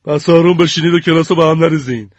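A man voicing a stern, feared woman history teacher who speaks slowly and commandingly. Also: a little high, steady tone, no room sound, highs cut off, lightly acted.

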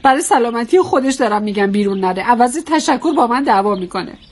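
A woman's voice: fairly high pitch, lively intonation. A woman playing a touchy old wife. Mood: indignant. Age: older. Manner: indignant, snappy. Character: older wife, touchy and quick-tempered.

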